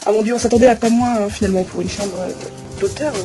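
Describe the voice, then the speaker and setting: A woman playing an earnest television culture interviewer in a parody, asking questions in a polite, hesitant, deadpan way. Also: medium pitch, fast, over music, lightly acted.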